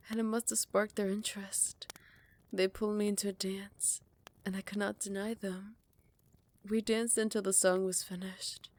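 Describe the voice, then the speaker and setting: A voice actress with a natural, medium-pitched voice plays a proud vampire queen centuries old in an ASMR roleplay. Close to the microphone, she moves between hushed, whispered storytelling and sharp, scornful comebacks.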